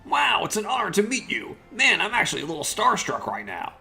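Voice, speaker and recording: A man puts on a starstruck, excitable gamer fan from a video game. He gushes in a raised, creak-edged voice with music playing behind him. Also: fairly high pitch, a little slow, heavily acted. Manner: starstruck, gushing. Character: starstruck young gamer fan, excitable Let's Player character. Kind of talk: reading game dialogue aloud in character.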